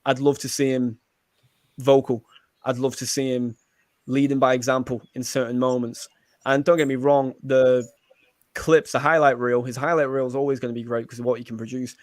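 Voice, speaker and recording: A man's voice: medium pitch, level tone, no room sound, studio quality. A man on a football podcast panel, talking earnestly with frequent restarts. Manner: fast, earnest, stumbles on restarts. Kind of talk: casual football chat.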